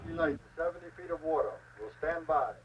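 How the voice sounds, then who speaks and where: A man's voice: a little high, normal speed, slightly rough. A man playing a fishing boat captain, calling the coast guard over a marine radio in clipped, formal radio procedure. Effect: marine radio transmission. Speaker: shrimp trawler captain. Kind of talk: scripted radio call in a documentary. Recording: dull, distant lo-fi radio with faint noise.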